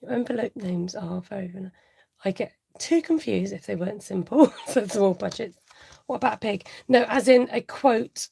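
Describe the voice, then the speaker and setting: A woman's voice: mid-range voice, normal speed, gravelly, mellow, slightly rough. A woman in her forties chatting casually on a budgeting livestream, giggly and reading out viewer comments.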